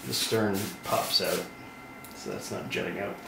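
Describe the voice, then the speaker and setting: Painting a model at his indoor workbench, a miniature crafting host from northwestern Ontario, Canada, talks casually and rambles while he works. He has a low, gravelly, expressive voice and an unhurried pace. A distant mic captures lots of room and loud background noise.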